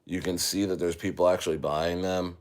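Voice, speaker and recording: A man's voice: low voice, flat delivery, fairly quick. A man hosting a casual livestream, rambling with many fillers and talking straight to his viewers. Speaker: livestream host.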